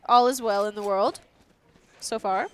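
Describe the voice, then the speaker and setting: A young woman doing casual live esports commentary, excitable and teasing, often breaking into giggles. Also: medium pitch, unhurried. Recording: faint background noise.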